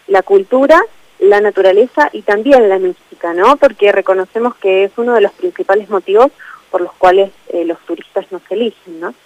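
A woman with an Argentine accent, a tourism official answering questions in a radio interview, speaking in a measured way with many fillers. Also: mid-range voice, no room sound, poor audio. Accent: Argentine Spanish.

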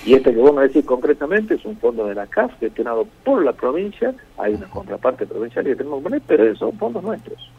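Gravelly Argentine minister on phone line. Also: male voice, medium pitch, very animated, a little fast, a little hiss or hum. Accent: Argentine Spanish. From Jujuy, Argentina. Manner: hesitant, repeats words, then emphatic listing. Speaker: provincial minister. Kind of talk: radio interview by phone. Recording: tinny phone line, dry.

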